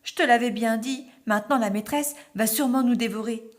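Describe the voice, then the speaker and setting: A woman's voice: on the high side, brisk, close to an everyday voice. A woman voicing a frightened little boy wolf cub who whimpers and pleads.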